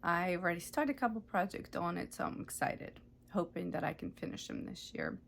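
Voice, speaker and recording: A woman's voice: on the low side, animated, brisk, gravelly, a little hiss or hum. A woman in her thirties, originally from Ukraine, hosting a casual knitting vlog and chatting through her projects while often correcting herself. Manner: chatty, self-correcting, often unsure of details. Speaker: knitting podcast host. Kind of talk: casual show-and-tell vlog.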